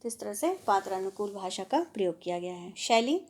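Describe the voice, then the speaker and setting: A woman's voice: mid-range voice, big pitch swings, brisk, darkish tone. A woman teacher explaining a textbook lesson patiently, stopping to work through examples. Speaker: Hindi teacher.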